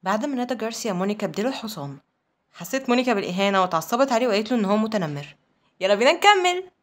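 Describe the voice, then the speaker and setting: A woman with an Egyptian accent narrating a comic story recap in a brisk, matter-of-fact retelling. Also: mid-range voice, expressive. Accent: Egyptian Arabic.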